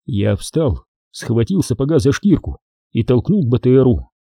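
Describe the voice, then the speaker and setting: A man's voice: mid-range voice, sing-song, moderate pace, warm tone, slightly rough, no room sound, clean studio sound. A man narrating a first-person army story, blunt and slangy, swearing often. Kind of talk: first-person audiobook narration of soldier prose.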